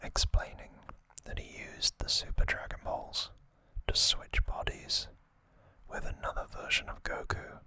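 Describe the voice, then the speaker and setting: Slow and unhurried, the narration comes as a breathy, unvoiced whisper near the microphone. It's the host of an ASMR trivia channel summarizing an anime saga, repeating words gently for effect.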